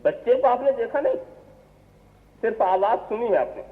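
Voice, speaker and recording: A man's voice: extremely high pitch, lively intonation. A man, a religious scholar, giving a sermon, asking the audience rhetorical questions and repeating phrases for emphasis. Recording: tinny, reverberant 1970s tape of a speech.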